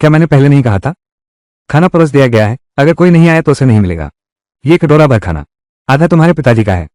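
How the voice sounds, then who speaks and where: A man's voice: mid-range voice, animated, fast, darkish tone, no echo, studio quality, natural voice. A man voicing heated, scolding family quarrels in dubbed drama dialogue. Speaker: voice actor dubbing a village family drama.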